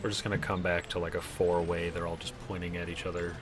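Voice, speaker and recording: A man's voice: low-pitched, flat delivery, quick pace. A man playing a tabletop game and adding joking, playful commentary. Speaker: player.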